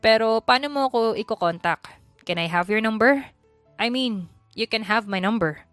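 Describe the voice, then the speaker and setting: Calm teasing young rich man, read by a woman, gently lowered, storybook voice, faint music. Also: normal speed, no echo, natural voice.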